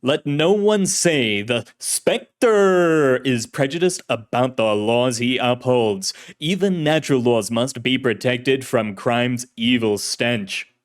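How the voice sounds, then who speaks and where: A narrator acts out a shadowy male crime-fighter in old radio serial manner. He declaims in a deep, booming voice, pompous and righteous, with grand theatrical emphasis on his noble cause. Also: animated, slow pace, hardly any pauses. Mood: bombastic, righteous. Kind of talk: 1930s radio serial acting.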